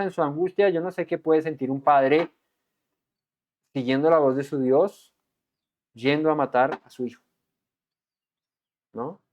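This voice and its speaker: A man's voice: on the high side, darkish tone. A man preaching a verse-by-verse Bible sermon, dramatically acting out the voices of angels and God.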